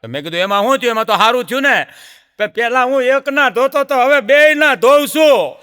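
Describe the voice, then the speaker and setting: A man's voice: very high voice, brisk, clean tone, big-room sound. A man with a Gujarati accent performing stand-up folk comedy, telling jokes and stories to an audience he keeps calling sir. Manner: lively folk storyteller, addresses audience as sir.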